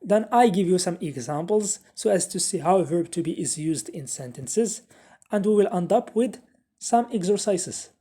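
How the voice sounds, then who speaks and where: Mellow, husky-voiced woman teacher. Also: fairly low pitch, animated. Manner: slow, repeats example sentences with Arabic translations. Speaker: English teacher. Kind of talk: classroom grammar lesson.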